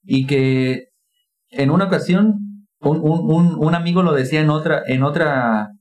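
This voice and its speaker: A man's voice: fairly high pitch, measured pace. Slangy Mexican man in casual chat. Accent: Mexican Spanish. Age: young adult. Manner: slangy, laughs often, animated voices. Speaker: podcast co-host, psychologist.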